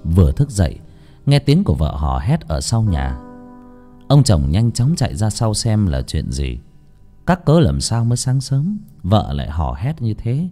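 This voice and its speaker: Low, expressive male storyteller. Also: a little slow, faint music behind. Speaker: narrator. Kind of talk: dramatic audiobook narration.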